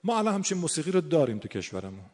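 Higher-voiced man in a reverberant hall. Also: very animated, a little mellow. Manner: earnest and explanatory, quotes Arabic verses and sayings. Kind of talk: conversational explanatory talk.

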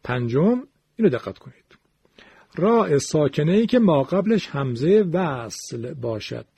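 A man teaches recitation rules patiently, stretching out each example word as he chants it. His voice is husky and mellow, with a lively, wide-ranging pitch. The recording is dry and close. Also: dry recording. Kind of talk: step-by-step explanatory lesson.

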